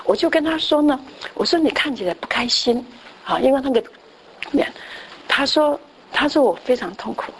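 A woman's voice: sits high, animated, moderate pace, slight background noise. A woman preacher delivering a conversational sermon that tells a story, with frequent restarts and tag questions.

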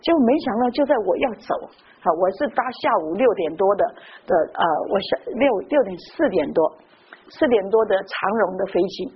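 Fast-talking woman preacher. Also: mid-range voice, husky. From Taiwan. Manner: lively, tags phrases with "ha". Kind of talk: sermon with personal storytelling. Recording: dull lo-fi with faint hiss.

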